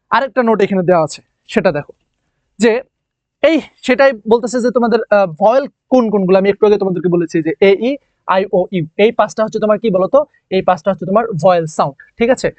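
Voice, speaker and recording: A man's voice: high-pitched, darkish tone, no room sound. A man teaching an English grammar lesson, repeating key words and quizzing his students with questions. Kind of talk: classroom lecture.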